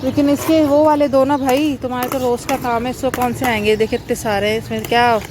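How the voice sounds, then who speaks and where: A Pakistani mother with a Pakistani Urdu accent and a high-pitched voice, narrating a casual vlog from an outdoor city park. She coaxes and gently scolds her children between remarks to the camera. Heavy outdoor noise sits under her voice. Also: little pitch movement, brisk. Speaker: mother vlogger. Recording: noisy outdoor park recording.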